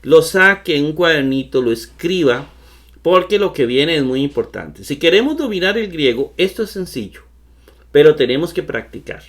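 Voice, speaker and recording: A man's voice: a little high, sing-song, moderate pace, a bit bright. A man teaching a recorded online lesson, patient and repetitive, addressing his viewers as brothers. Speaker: Koine Greek teacher.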